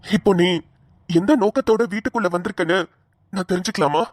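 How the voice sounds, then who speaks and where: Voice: mid-range voice, quick pace, noisy background, close to an everyday voice. A voice actor playing an earnest, principled young husband in a cartoon, speaking colloquial Tamil Nadu Tamil. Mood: firm. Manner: earnest, questioning, firm.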